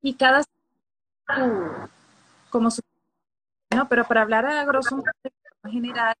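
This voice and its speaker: A woman's voice: a little high, steady tone, moderate pace, noisy background. A Venezuelan woman on a live video call as a guest expert, explaining in a list-like way while her audio keeps breaking up into choppy, glitchy fragments. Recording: breaking-up internet call audio, from far off the mic.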